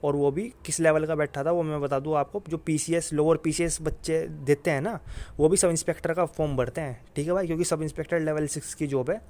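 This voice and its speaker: Brisk and warm, with a steady tone on the high side, a man coaches listeners informally about exams. He emphatically repeats his reassurances and frequently speaks to his audience directly with filler address.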